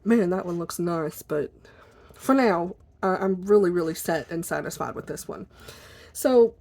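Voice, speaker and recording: A woman chatting casually and informally at her desk for a video, in an apologetic, rambling way, with a squeaky chair that may creak behind her. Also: lively intonation, unhurried, darkish tone. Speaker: video blogger. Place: at a desk indoors.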